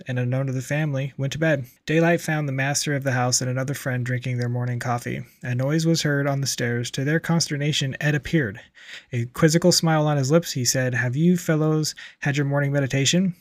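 A blunt man reads a book aloud and keeps breaking off to swear and comment. His voice sits at an ordinary middle pitch. The recording is dry and close, with no room sound. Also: no echo. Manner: blunt, swears often, animated asides. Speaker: podcast host reading and commenting. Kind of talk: reading aloud with profane commentary.

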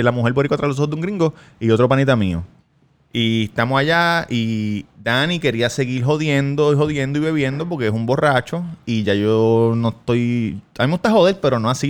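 A man's voice: medium pitch, clear, resonant tone. A man from Puerto Rico with a Puerto Rican accent, telling a story on a casual podcast among friends, swearing freely and acting out voices. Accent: Puerto Rican Spanish. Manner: animated, swearing, acts out voices in his story. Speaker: podcast co-host.

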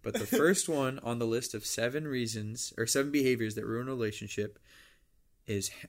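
A man's voice: medium pitch, a little fast. A young man co-hosting a podcast in casual chat, rambling and restarting his sentences as he reads from a list. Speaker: podcast co-host.

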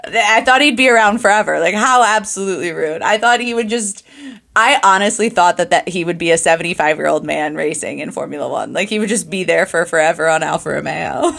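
A woman's voice: on the low side, lively intonation, a little fast, creaky, fairly bright tone. Young woman, casual co-host, playfully dramatic, laughs a lot. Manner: chatty, giggly, playfully exaggerated. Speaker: podcast co-host. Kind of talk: casual chat.

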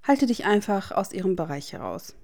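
A woman's voice: mid-range voice, very animated, normal speed, darkish tone. A woman voicing a cheerful, cocky teenage wizard boy with a playful, easygoing manner.

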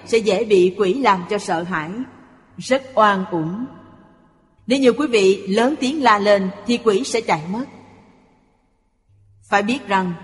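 A speaker reading a Buddhist sutra commentary aloud in a measured, explanatory way. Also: medium pitch. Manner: slow, even, explanatory delivery. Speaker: reader of a Buddhist lecture. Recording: long hall reverb.

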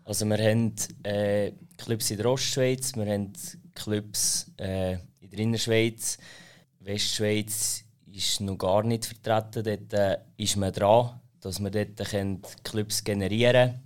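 Low, even-voiced Swiss German man. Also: unhurried, smooth. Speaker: sports association president, interview guest. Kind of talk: explanatory interview answers.

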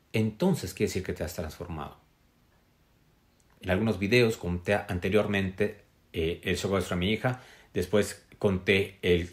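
A middle-aged man earnestly telling a personal story on a live stream, with pauses and "mm?" tags. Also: sits low.

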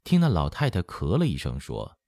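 A man's voice: low voice, moderate pace, dry recording. A man narrating a historical novel as an audiobook, telling the story expressively. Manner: expressive storytelling, acts out quoted lines. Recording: dry close studio sound.

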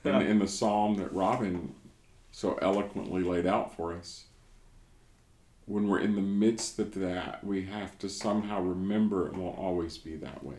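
A man's voice: sits low, steady tone, a little slow, a little mellow, reverberant. A man from the United States, a pastor, reflecting in a casual devotional discussion and often searching for words.

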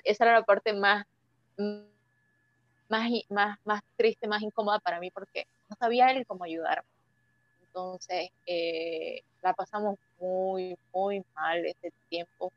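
A young woman giving an emotional personal testimony as an interview guest, halting with many restarts. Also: medium pitch, steady tone, dry recording. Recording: dull lo-fi dry sound.

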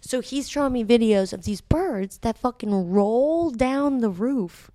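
A young woman telling a story in casual chat, animated and swearing freely, with lots of "like". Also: on the high side, a little slow.

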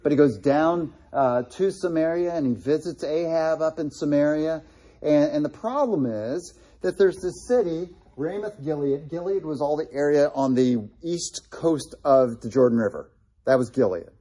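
A man's voice: fairly high pitch, normal speed, warm tone. A man teaching a casual Bible study, talking conversationally with many fillers and restarts while pointing out places on a map.

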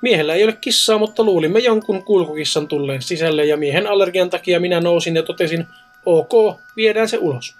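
Man, high voice, wry jokes, casual spooky-story chat, faint music behind. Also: hardly any pauses. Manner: joking, wry asides. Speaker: co-host reading listener stories. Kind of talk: casual chat, reading stories aloud.

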